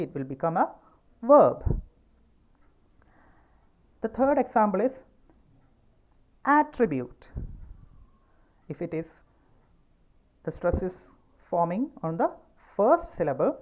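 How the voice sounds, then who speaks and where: Slow, deliberate Malayali woman teacher. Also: fairly low pitch, lo-fi sound. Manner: slow and deliberate, repeating words to show stress. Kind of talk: pronunciation lesson.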